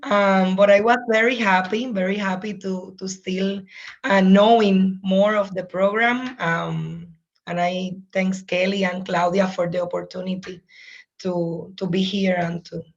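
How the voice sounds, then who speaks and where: On a video call, a woman from Puerto Rico presents herself as a program coordinator, speaking English as a native Spanish speaker with a Puerto Rican accent and searching for words. Her mid-range voice is steady and unhurried, though the recording sounds dull.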